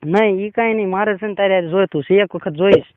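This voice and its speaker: A man's voice: high-pitched, fast, no room sound. A man speaking on a private phone call, pushy and insistent, often tagging his sentences with a question. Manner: pushy, insistent, repeats "બરોબર?". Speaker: caller. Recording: tinny phone line call recording.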